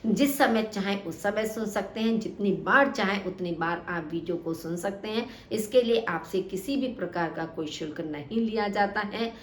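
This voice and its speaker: A woman's voice: medium pitch, moderate pace, hardly any pauses, a little hiss or hum. A woman teacher giving a lesson, patiently explaining each word and then repeating its meaning. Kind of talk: classroom lesson explaining exercises. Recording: echoey room.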